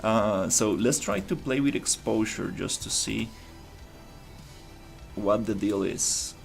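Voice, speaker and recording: Man streaming game work, gravelly voice. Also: on the low side, takes it slowly, soft background music. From Costa Rica. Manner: relaxed, thinks aloud with many fillers and restarts. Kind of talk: casual live-stream commentary.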